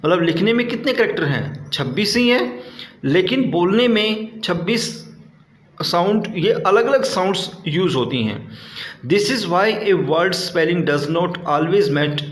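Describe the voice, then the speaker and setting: A man teaching an online class, reading English lines slowly and explaining them in Hindi, asking questions and answering them himself. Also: high voice, reverberant.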